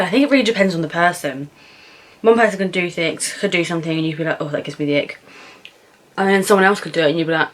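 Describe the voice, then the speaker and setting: A young British woman with a low-pitched voice answers viewer questions in a vlog while eating, chatting informally and frankly. She thinks aloud with pauses and some swearing, and there's a slight hiss or hum.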